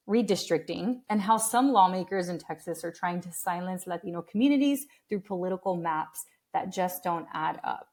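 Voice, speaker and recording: Podcast-Moderatorin mit schwungvoller, betonter Sprechweise. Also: female voice, fairly low pitch. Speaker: podcast host and coach. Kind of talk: scripted podcast introduction.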